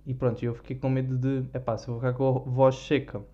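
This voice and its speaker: A man's voice: medium pitch, little pitch movement, quick pace, warm tone, highs cut off. A young man from Portugal with a European Portuguese accent, telling a rambling, self-deprecating story on his podcast, full of fillers. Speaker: podcast host. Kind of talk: casual storytelling chat.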